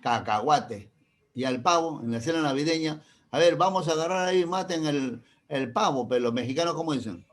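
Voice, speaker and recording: In a classroom lecture, a Peruvian-accented male teacher often checks in with his students and explains ideas through everyday examples. His voice runs on the high side, brisk and expressive.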